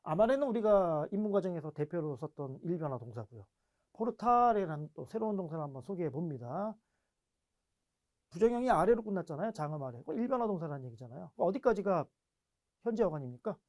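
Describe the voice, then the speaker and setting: A man's voice: high-pitched, fast talker. A man teaching an online grammar lecture in a chatty classroom way, asking rhetorical questions and repeating drilled word forms. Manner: chatty, explaining in a lively classroom way.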